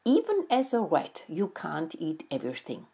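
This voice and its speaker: A woman reading as a calm fatherly mouse. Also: sits low, moderate pace, breathy edge, full character voice. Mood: explaining. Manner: calm explaining. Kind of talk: storybook reading.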